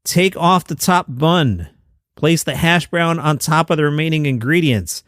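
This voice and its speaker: A man's voice: on the high side, unhurried, a bit bright, no echo, studio quality. A man hosting a good news roundup, reading stories with chatty, jokey asides. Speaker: host.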